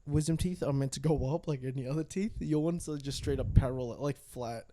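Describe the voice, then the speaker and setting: A man's voice: medium pitch, mellow, slight background noise. A young man co-hosting a podcast, rambling and chatty with lots of fillers. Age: young adult. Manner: chatty, rambling, filler-heavy, quick to laugh. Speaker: podcast co-host. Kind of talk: casual chat.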